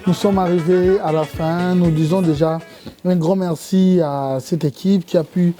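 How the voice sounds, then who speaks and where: Male interviewer, higher pitch, very dark tone, direct and pressing, faint music behind. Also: fairly even intonation, a little slow. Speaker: talk show host. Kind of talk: interview hosting.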